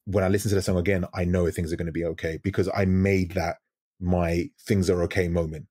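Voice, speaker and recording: A man with a very deep, husky voice talks reflectively on a video call. He stops to restart and search for words, and the sound is dry and close with no room echo. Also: little pitch movement, brisk, warm tone. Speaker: guest DJ. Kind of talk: casual podcast interview. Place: home room with lit wall.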